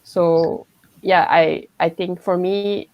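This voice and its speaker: A woman's voice: on the low side, fairly even intonation, slow pace, no room sound, dull audio. A woman from Malaysia who has a young child, sharing her views in a casual group discussion, with many fillers and restarts. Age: adult with a child. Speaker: workshop participant.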